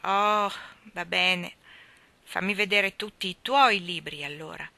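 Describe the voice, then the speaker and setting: A woman's voice: lowish voice, slow pace, vocal fry, pushed and bright, no echo, exaggerated voice. A woman doing a spirited clever little girl. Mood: eager. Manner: eager, defiant.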